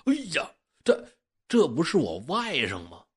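A man voicing a worried, kind-hearted old farmer who stammers and exclaims in a husky voice. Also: on the high side, huge pitch swings, a little slow, fairly bright tone, pitched above the performer's own voice, exaggerated voice. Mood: fretful. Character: old male farmer, anxious and good-hearted.

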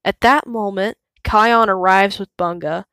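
A woman reading a children's storybook aloud, taking it slowly and clearly. Her voice sits at a middling pitch, and the sound is dry and close with no room around it. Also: fairly bright tone, no room sound. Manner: slow, clear and measured. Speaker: storybook reader.

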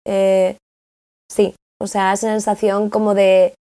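A woman host, softly empathetic in a casual interview. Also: mid-range voice, flat delivery, takes it slowly, smooth. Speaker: host, therapist.

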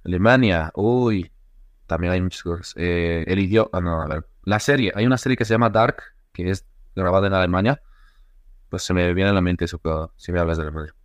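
Animated Bolivian man telling a story. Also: low voice, a little fast, dry recording. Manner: animated storyteller, acts out quotes, laughs often. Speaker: guest, travel YouTuber. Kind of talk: casual podcast interview.

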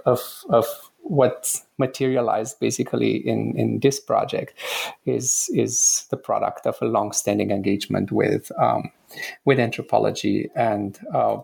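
A man from Romania talks about his research in a podcast interview, stopping often to search for words. His voice has a gravelly edge, and the tone is somewhat husky. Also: medium pitch, steady tone, a little slow, darkish tone. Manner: hesitant, many fillers and restarts. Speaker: anthropology professor, guest author.

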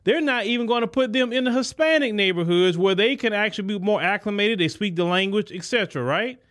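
Man, high voice, indignant political commentary, emphatic, repetitive. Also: lively intonation, a little fast, a bit bright. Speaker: podcast host.

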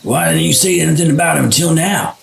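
A man's voice: fairly high pitch, fast talker, vocal fry, distant mic. A man voicing a crude young survivor who swears and talks in bro slang.

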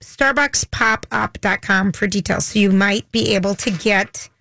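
A woman's voice: medium pitch, measured pace, vocal fry, bright, forceful tone, no echo. An American woman hosting a casual radio talk show. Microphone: close studio microphone.

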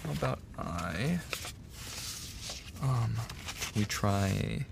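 A man plays a male college tutor in an intimate ASMR roleplay, easygoing and teasing. His soft voice sits low with a heavy creak, and he takes his time with casual, flirty pauses. There is faint noise behind him. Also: expressive, heavily acted. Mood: friendly, casual. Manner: casual, hesitant pauses, soft-spoken, drops into whispers. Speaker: audio roleplay performer.

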